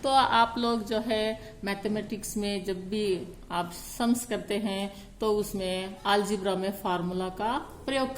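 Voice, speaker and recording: A woman's voice: medium pitch, a little mellow, reverberant, slight background noise. A woman teaching a grammar lesson on poetic meter, counting syllables aloud one at a time.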